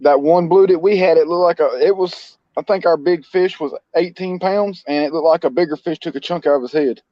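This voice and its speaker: A man's voice: fairly high pitch, fairly quick, dry recording. A man joining a stream as a guest, talking in an easygoing, plain-spoken way over a video call. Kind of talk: casual chat. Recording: dull lo-fi call audio.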